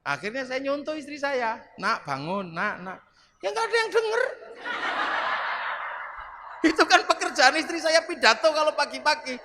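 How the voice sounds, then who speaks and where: Middle-aged man, humorous preacher, very high voice, reverberant hall. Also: normal speed, long pauses. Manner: animated storytelling, acting out voices. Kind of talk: humorous sermon. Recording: reverberant hall, faint background noise.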